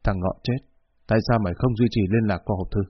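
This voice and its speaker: A man voicing a menacing gang boss who talks in a gruff, commanding way, on a dull lo-fi recording. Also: lowish voice, fast, no echo. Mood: cold.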